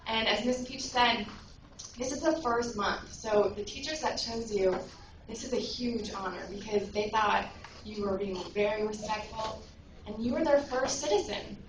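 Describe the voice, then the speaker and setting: A woman's voice: fairly high pitch, normal speed, background noise. School counselor lady telling a little story to kids and parents, sounds far away in a big echoey room. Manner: warm storytelling, acts out quoted voices. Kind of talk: speech at a school awards breakfast.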